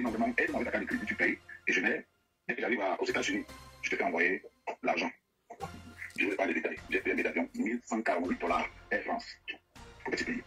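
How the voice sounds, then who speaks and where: A man with a slightly low, bright voice tells his side of a dispute at a rapid clip. He is insistent and repeats himself, tripping over words as he presses on. Faint music sits behind him. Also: low-quality recording. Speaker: guest telling of a money dispute with an artist. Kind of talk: heated personal account.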